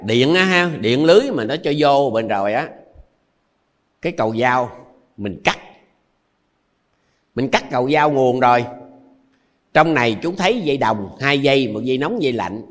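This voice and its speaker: A man's voice: mid-range voice, a bit bright. Older monk in his 80s, Southern Vietnamese accent, homely sermon with plain examples and repeats. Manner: folksy, repetitive, explains with everyday examples. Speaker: Buddhist monk. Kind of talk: dharma talk to lay followers.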